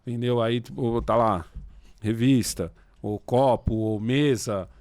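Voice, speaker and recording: A man chats and tells stories in an easygoing, slangy way, at a middle pitch for a man. The sound is close and dry, recorded near the mic. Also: slow pace, a little mellow, no echo. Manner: chatty storyteller, slangy, tells anecdotes. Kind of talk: casual podcast conversation.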